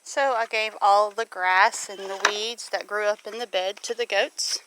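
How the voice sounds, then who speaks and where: Speaking at a measured pace with fairly even intonation and medium pitch, a middle-aged Southern US woman chats casually as a homesteader. She's outdoors by the farm animals, folksy and inclined to quiz her listener, while a noisy background intrudes. She makes homesteading vlogs.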